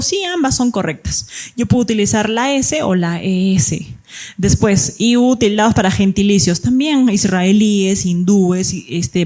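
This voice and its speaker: Woman, teacher, grammar lesson, step-by-step explanations, middle pitch. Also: a little mellow. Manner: explains step by step, checks understanding with "¿ya?" and "¿no?".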